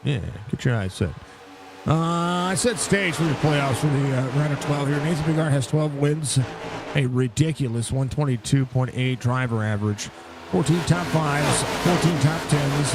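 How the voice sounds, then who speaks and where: Man, casual race commentator, chatty, mid-range voice, tight-mouthed after surgery, car engines clearly behind him. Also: medium pitch. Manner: chatty, addresses viewers and drivers directly. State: mouth barely opens after facial surgery, slightly impaired speech. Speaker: sim racing commentator. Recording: clear background engine noise. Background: race car engine noise.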